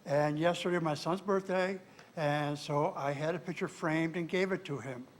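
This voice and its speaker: Guy from the audience telling his own story at an event, casual, voice a bit high. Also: moderate pace, a little hiss or hum. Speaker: audience member sharing a story. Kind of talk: casual personal testimony.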